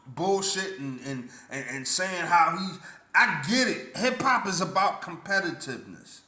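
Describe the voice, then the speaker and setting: A man's voice: sits high, bright, forceful tone. Indignant man ranting in a roomy echo. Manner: repetitive, stammering restarts, blunt and indignant. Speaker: vlogger. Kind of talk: casual opinion rant.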